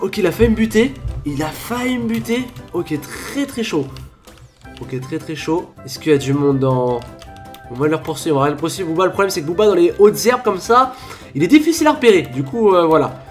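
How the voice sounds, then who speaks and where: A man giving excited gameplay commentary as a gaming YouTuber, repeating his phrases over and over and talking to his subscribers. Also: high voice, brisk. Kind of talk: live Minecraft gameplay commentary. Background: background music.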